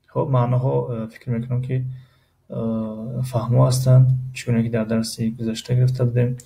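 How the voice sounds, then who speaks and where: A man with a Tajik accent explaining English grammar, pausing often with filler sounds and reading English examples slowly before translating them. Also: mid-range voice, little pitch movement, gravelly, warm tone, low-quality recording. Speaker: English teacher.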